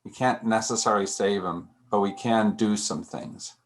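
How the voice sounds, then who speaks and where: A man's voice: on the low side, steady tone, normal speed, a little hiss or hum. Reflective man leading a discussion. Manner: reflective, many restarts and repeated words. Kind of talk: casual group discussion.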